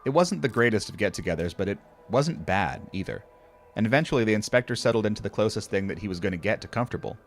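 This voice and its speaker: A man's voice: fairly low pitch, animated, quick pace, faint music behind. An older man gives scripted horror story narration in a wry, conversational and occasionally profane manner.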